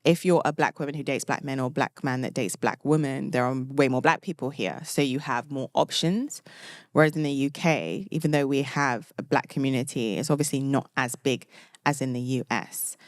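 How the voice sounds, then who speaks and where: A woman's voice: a bass voice, moderate pace, dry recording, studio quality. A young British woman hosting a podcast, chatting casually and expressively, with lots of "like" and laughter. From United Kingdom. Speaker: podcast host. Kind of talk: casual chat.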